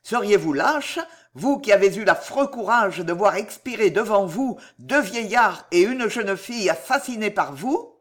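A man voicing a stern magistrate confronting his wife, calm and cutting in a storybook reading. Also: high-pitched, measured pace. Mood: contemptuous. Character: cold stern magistrate husband.

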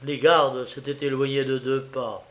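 A man narrating a story as an audiobook in a measured way. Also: mid-range voice, level tone, a bit bright. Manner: slow, measured reading.

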